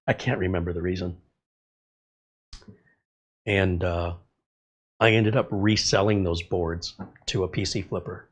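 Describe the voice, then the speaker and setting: Low and steady with a breathy edge, this middle-aged man speaks a little slowly and pauses often. Slightly congested, he hosts a casual livestream, chatting in a rambling way and reading viewer comments out loud.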